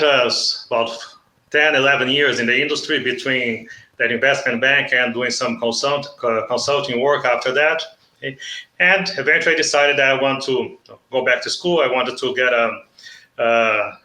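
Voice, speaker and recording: A middle-aged man from Brazil with a Brazilian Portuguese accent, an economics professor explaining things in a measured way and often checking in with "okay?". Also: mid-range voice, sharp tone, reverberant, rough recording. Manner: measured, frequent "okay?" check-ins and restarts. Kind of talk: explanatory interview talk.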